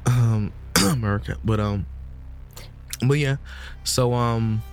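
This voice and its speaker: A podcast co-host with a medium-pitched voice speaks slowly over soft background music. He's laid-back and rambling, saying "you know" and "um" a lot, and closes with an upbeat promotional push urging listeners to act.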